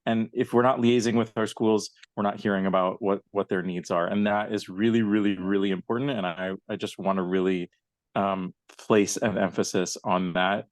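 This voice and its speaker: A man giving earnest public comment at a council meeting over a video call, pausing often with "um" and leaning hard on his points. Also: lowish voice, steady tone, no room sound. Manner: earnest, many "um" pauses, emphatic.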